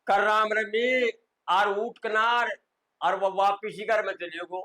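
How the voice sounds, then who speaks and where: A man from Rajasthan with a Rajasthani accent, telling a comic village folk tale in a lively, conversational way. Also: high voice, slow pace. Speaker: folk storyteller.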